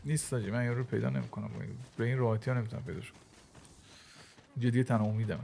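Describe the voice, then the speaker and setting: A man, chatting excitably to his viewers as he plays and comments on a video game. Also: mid-range voice, gravelly, slight background noise. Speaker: gaming YouTuber. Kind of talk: let's play commentary. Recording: game music playing behind.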